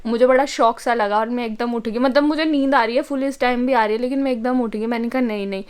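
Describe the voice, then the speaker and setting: A woman's voice: a little high, steady tone, fast talker, far from the mic. A young woman hosting a casual home vlog, chatty and playful, laughing often. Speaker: vlogger host. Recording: voice a bit off-mic, faint music behind.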